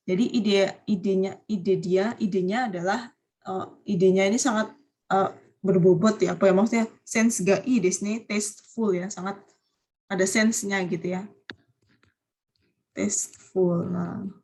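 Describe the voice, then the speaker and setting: A woman's voice: mid-range voice, steady tone, moderate pace, dark tone. Woman teacher explaining vocabulary on a call. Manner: explains patiently, often asks students questions; mixes Japanese into her talk. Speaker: Japanese teacher. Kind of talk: online vocabulary lesson.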